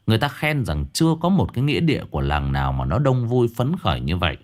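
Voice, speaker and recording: Lively low-voiced male horror storyteller. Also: fast talker. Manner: dramatic, drops pitch for suspense. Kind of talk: scripted narration. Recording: faint background music.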